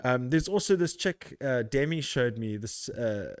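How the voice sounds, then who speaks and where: A man hosts a casual podcast in an easy, rambling way, laughing often and dropping the odd swear word. His voice sits in a middle pitch, recorded close and dry with no room sound. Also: expressive, unhurried, no room sound. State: out of breath. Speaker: podcast host. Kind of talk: casual chat.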